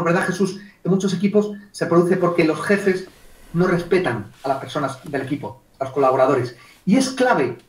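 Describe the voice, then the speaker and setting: A man leads an online workshop on communication. His voice sits high, and he acts out little client exchanges along the way. He is heard from a distance in a room with a lot of echo. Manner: lively, acts out client dialogues, addresses chat participants by name. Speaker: communication trainer. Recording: echoey room, distant mic.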